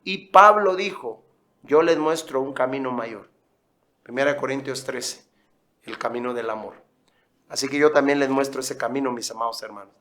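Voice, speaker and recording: A middle-aged man preaching a sermon as a pastor, emphatic and storytelling, with lively asides. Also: medium pitch.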